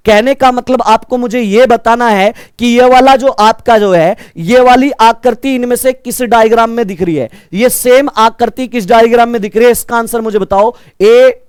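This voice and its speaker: A man with a naturally loud, high voice teaches a live online reasoning class. He talks with energy, quizzes his students and calls them brother. The sound is smooth and close, with a dry room. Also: moderate pace, hardly any pauses, dry recording. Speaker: reasoning teacher for exam prep.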